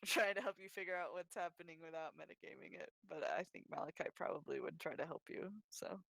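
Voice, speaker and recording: A woman acting as game master, narrating a tabletop game with many pauses and ums. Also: lowish voice, vocal fry, fairly bright tone, dry recording, poor audio. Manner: hesitant, full of ums and uhs.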